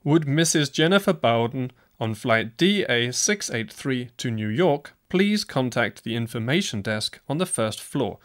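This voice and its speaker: A man's voice: mid-range voice, lively intonation, unhurried, few pauses. Formal male airport announcer. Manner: formal and clear. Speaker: announcer in a listening exercise.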